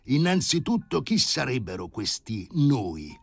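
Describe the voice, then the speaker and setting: A man playing a pompous elderly professor who speaks with grave, ironic, drawn-out emphasis. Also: mid-range voice, sing-song, creaky, a bit bright, breathy edge, no room sound, faint music behind, pitched above the performer's own voice, exaggerated voice. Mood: haughty, stern. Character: pompous elderly male professor, stern and sardonic.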